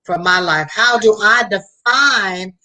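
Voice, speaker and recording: A woman's voice: medium pitch, takes it slowly, pushed and bright. Female host, conversational motivational talk, emphatic and advising, speaks straight to the listener.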